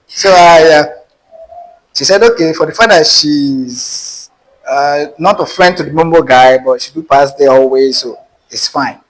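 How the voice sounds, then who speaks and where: Speaking slowly and pausing often, this man has a voice on the high side and a Nigerian accent. He's a guest casually recounting a dating experience of his own, animated and performing the dialogue, and the recording quality is low.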